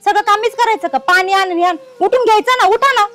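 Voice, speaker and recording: A woman playing a shrill, scornful daughter-in-law. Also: fast, pushed and bright, slight background noise. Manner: scolding, contemptuous rants. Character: young daughter-in-law, harsh and scornful toward her in-laws.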